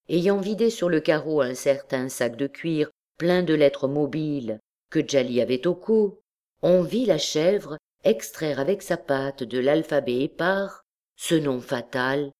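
A woman narrating a classic novel as an audiobook, in a measured, deliberate reading. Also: low voice, darkish tone. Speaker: audiobook reader.

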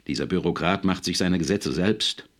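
A man's voice: deep voice, normal speed, natural voice. A man reading an audiobook, voicing a hasty, irritated young male scientist.

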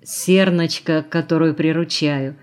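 A woman's voice: low voice, animated, a little slow, darkish tone. A woman voicing a cynical, worldly society woman who teases and coaxes, in an audiobook. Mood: mocking. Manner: teasing, mocking, coaxing. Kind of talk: audiobook character reading.

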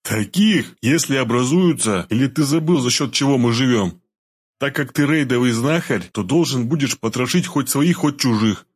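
A man voicing a gruff, sardonic male healer who chain-smokes and talks bluntly and coarsely. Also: mid-range voice, expressive, moderate pace, hardly any pauses, pitched above the performer's own voice. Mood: grim.

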